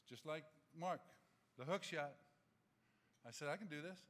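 A man in his sixties giving an animated, humorous acceptance speech from a podium microphone in a large auditorium. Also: fairly high pitch, normal speed. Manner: animated, gesturing, humorous anecdotes.

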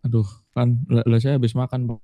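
A man's voice: mid-range voice, monotone, dark tone. Exasperated young man scolding. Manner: exasperated, scolding, slowly stresses words. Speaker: roleplay police officer. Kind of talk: GTA roleplay banter.

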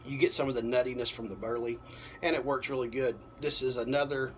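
A man in his thirties talks through a casual review at a mid-range pitch. He is unhurried and halting, working out his thoughts as he speaks. Faint outdoor ambient noise sits behind him, picked up by a computer mic on a balcony. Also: fairly even intonation. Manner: halting, unhurried, thinking aloud. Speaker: pipe tobacco reviewer. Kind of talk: casual product review to camera. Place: apartment balcony at night. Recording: clearly noisy, outdoor ambience.

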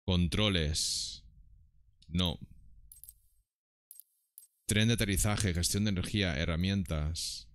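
A man's voice: deep voice, takes it slowly, pauses often, fairly bright tone, dry recording, clean studio sound. A man streaming a game, muttering to himself with exasperation while reading menu options aloud. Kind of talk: live gameplay commentary.

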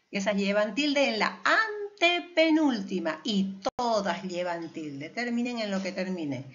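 A woman's voice: mid-range voice, fairly bright tone. A woman teacher with a Peruvian Spanish accent giving a patient spelling lesson to her students, drawing out each example word. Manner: patient, explanatory, stretches out example words. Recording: dull lo-fi recording.

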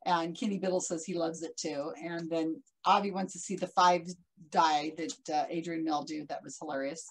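A woman interviewing a podcast host in a casual chat, relaxed and laughing often as she reads out viewer comments. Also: low-pitched, normal speed, breathy edge, rough recording.

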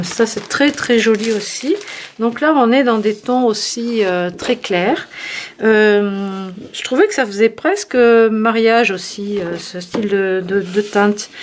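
A woman's voice: medium pitch, a little hiss or hum. A woman hosting a craft channel, chatting casually through a product review with many fillers and restarts. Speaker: scrapbooking channel host.

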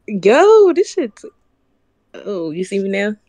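A woman in her twenties chatting on a video call in quick slang, as the contestant choosing a date. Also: mid-range voice, very animated, warm tone. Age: 20s. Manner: quick slangy replies, apologetic. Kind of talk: casual chat on a video call.

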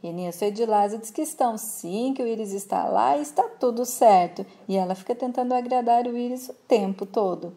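A woman retells a soap opera episode in casual, conversational storytelling. Her voice sits fairly high with a warm, mellow tone. She narrates plainly, like recounting it to a friend. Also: brisk, few pauses.

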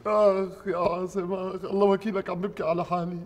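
Brief: crafty middle-aged Syrian swindler, high, quick. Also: male voice, lively intonation, slight background noise. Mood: cajoling. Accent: Syrian Arabic. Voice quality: crafty, cajoling. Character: scheming middle-aged male swindler clerk. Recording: reverberant studio set.

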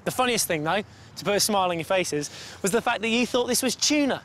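High-pitched man hosting a kids' game show. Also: animated, fast, a bit bright, a little hiss or hum. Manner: upbeat, coaxing, guiding contestants step by step. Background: background music.

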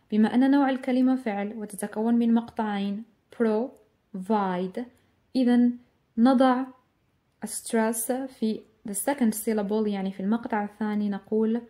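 A woman teaching English, explaining an exam review patiently and step by step, repeating words slowly. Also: on the high side, warm tone.

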